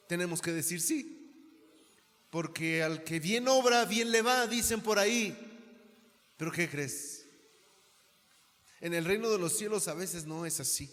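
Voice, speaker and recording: A pastor with a Mexican Spanish accent preaches a sermon, putting rhetorical questions to his congregation. His voice sits high and a bit bright, and the church hall gives it a long reverb.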